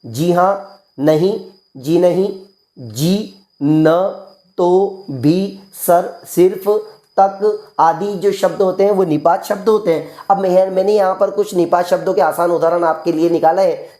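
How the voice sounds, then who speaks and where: A male teacher giving an exam-prep grammar lesson. He explains patiently and slowly, repeats key phrases, and asks the class questions before answering them himself. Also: sits high, mellow. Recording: roomy echo.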